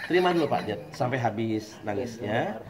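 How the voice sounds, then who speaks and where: A man giving a lively, joking religious study talk, acting out husband and wife voices. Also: medium pitch, brisk, a crowd in the background. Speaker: preacher.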